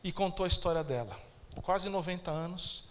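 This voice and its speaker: A man's voice: high-pitched, normal speed. A man with a Brazilian Portuguese accent preaching a sermon as pastor, emphatic and calling out to the congregation for amens.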